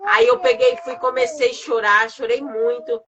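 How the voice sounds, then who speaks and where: A woman's voice: a little high, very animated, moderate pace, lo-fi sound, crowd noise. A woman hosting a live stream, telling earnest personal stories in a casual faith-based talk.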